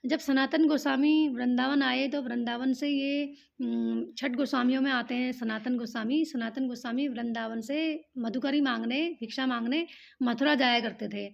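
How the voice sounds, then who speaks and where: Woman storyteller, devotional legend, high gravelly voice, dull lo-fi recording. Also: fairly even intonation, normal speed. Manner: plain spoken narration with fillers.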